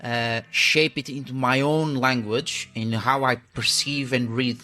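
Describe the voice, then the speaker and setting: A native Portuguese speaker with a Portuguese accent hosts a casual podcast interview, hesitating, searching for words, and restarting often. His medium-pitched voice is steady and sharp, a little slow, with faint music behind him.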